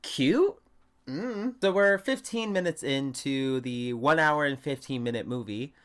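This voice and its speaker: A woman's voice: a bass voice, lively intonation, a little slow. A woman hosting a livestream, giving sarcastic, dry running commentary on a movie. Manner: sarcastic, dry, incredulous asides. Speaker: livestream host reviewing a movie.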